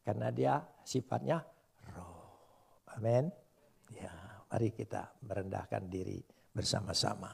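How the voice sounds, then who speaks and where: An older male pastor preaching a sermon lively rises to loud emphasis and playful teasing of the congregation. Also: fairly low pitch, unhurried, creaky, long pauses, breathy edge.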